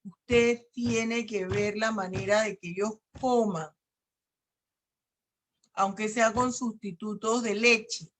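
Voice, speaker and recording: A woman's voice: medium pitch, fairly even intonation, slow pace. A middle-aged woman law professor with a Panamanian Spanish accent, giving an online lecture and explaining legal articles with everyday examples.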